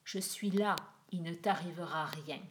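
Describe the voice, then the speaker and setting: A frantic, protective young goddess mother voiced by a woman reading aloud. Murmurs softly to her child in a storybook myth. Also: medium pitch, animated, unhurried, slight background noise. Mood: tender.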